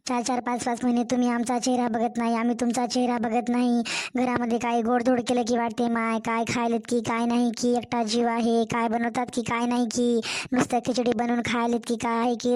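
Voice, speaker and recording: A woman's voice: fairly high pitch, completely flat delivery, normal speed, darkish tone, natural voice. A woman with a Marathwada Marathi accent voicing a distressed young mother who complains and pleads in a cartoon story. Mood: pleading.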